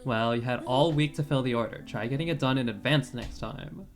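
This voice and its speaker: A woman's voice: a bass voice, fairly quick, faint music behind. A woman voicing a stern, no-nonsense female apothecary owner with a put-on Valley Girl voice, curt and dry. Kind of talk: voice-acting a visual novel.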